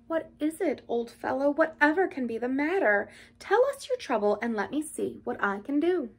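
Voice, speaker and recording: A woman voicing a kindly, loyal gentleman rat in a storybook, with a chummy, old-fashioned manner. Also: high voice, sing-song, moderate pace. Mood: quiet, sympathetic. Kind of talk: storybook character acting.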